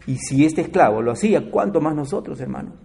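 A man preaching a sermon in a fairly high voice. He swings from loud, emphatic lines to low, quiet asides. He keeps turning to his listeners with direct questions. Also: animated, quick pace, creaky.

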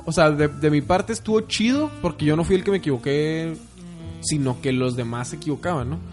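A man with a Mexican accent tells a story about his work in loose, casual chat, laughing often and putting on the voices of the people involved. His voice is a little high, and music plays clearly underneath. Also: brisk. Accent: Mexican Spanish. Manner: laughs often, acts out customers and staff. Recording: music clearly playing in the background.

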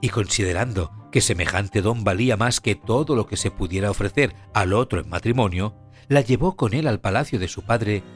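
A man narrating a fairy tale with an expressive storytelling cadence. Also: on the low side, fairly quick. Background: faint music.

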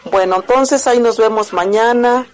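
A woman's voice: a little high, moderate pace, a little hiss or hum. A woman leaving a casual message as a listener of a show. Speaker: caller.

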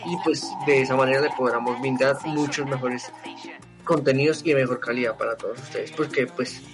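A man hosting a sports talk show, giving casual football analysis in a conversational, hesitant way with frequent pauses and restarts over a remote connection. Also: medium pitch, fairly even intonation, over music. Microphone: remote connection from home.

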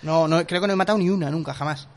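A man's voice: fairly high pitch, rapid-fire. A man, co-hosting a casual podcast chat, joking and swearing freely. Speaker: podcast co-host.

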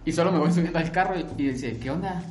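A young man hosting a podcast, telling a personal story in a relaxed way and acting out the dialogue. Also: fairly high pitch, quick pace. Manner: animated, acts out quoted dialogue. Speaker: podcast host. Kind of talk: casual storytelling chat. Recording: roomy echo.

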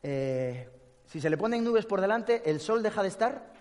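A man with a Spain Spanish accent giving a lively talk to an audience, blunt and joking and swearing casually. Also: high voice, moderate pace. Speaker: speaker giving a talk on inner peace. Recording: long hall reverb.

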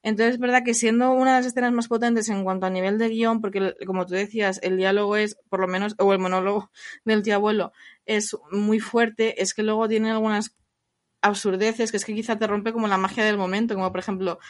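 A woman discussing a film in casual conversation, animated and acting out quoted lines. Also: mid-range voice, fairly quick. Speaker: film podcast co-host.

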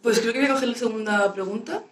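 A woman's voice: fairly high pitch, quick pace. Reflective woman in a roomy space. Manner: reflective, trailing off. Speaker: musician guest. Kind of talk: casual interview chat. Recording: roomy echo.

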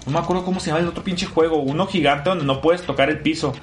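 A man's voice: fairly high pitch, fast talker, music in the background. A man telling a story in casual podcast chat, swearing freely. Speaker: podcast co-host.

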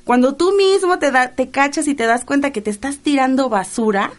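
Higher-voiced woman telling a story. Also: brisk. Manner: warm-voiced storyteller, reads a fable aloud with emphasis. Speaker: co-host. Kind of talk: casual chat and storytelling.

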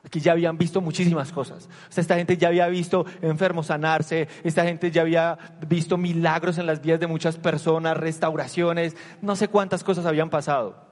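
Male preacher with a higher-pitched voice, animated and conversational, recorded in a reverberant church hall. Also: fairly quick. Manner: animated, asks the listeners rhetorical questions. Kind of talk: conversational sermon.

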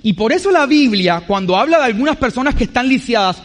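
A man's voice: very high-pitched, lively intonation, fast. A man preaching a sermon, emphatic, acting out what other people say.

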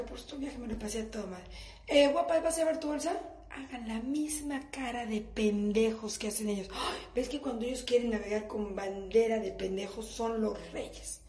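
High-voiced Mexican woman doing stand-up. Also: a little mellow, echoey room. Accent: Mexican Spanish. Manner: crude, mocking, acts out family voices. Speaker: stand-up comedian. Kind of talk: stand-up comedy monologue.

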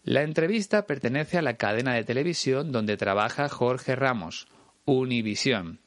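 A male teacher with a Spain Spanish accent works through a lesson, patient and clear as he talks straight to the listener. His voice sits at an ordinary middle pitch. The sound is dry and close, with no room around it. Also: expressive, normal speed, no echo. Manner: patient, clear and explanatory, addressing the listener directly. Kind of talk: explanatory language lesson.

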